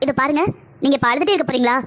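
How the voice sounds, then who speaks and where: A woman voicing a busy female doctor in a cartoon, talking in a brisk, commanding but reassuring way. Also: high voice, a bit bright. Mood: stern reassurance. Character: calm, firm female doctor, a busy pediatrician. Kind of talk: cartoon voice acting.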